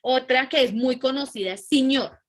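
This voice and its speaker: A woman teacher giving an animated class and often checking in with her students. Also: fairly high pitch, moderate pace. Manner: animated, keeps checking in with "¿sí?" and "¿listo?". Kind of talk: online class lecture.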